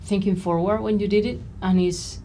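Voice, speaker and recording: A woman's voice: mid-range voice, steady tone, moderate pace, mellow, slight background noise. A woman hosting a podcast, asking long friendly questions in a casual interview. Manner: friendly, laughs easily, asks long questions. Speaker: podcast host.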